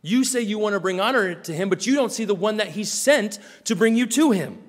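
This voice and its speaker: A male pastor preaching a sermon earnestly, acting out small scenes in a quieter voice. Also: high-pitched, animated, fairly quick, in a large hall.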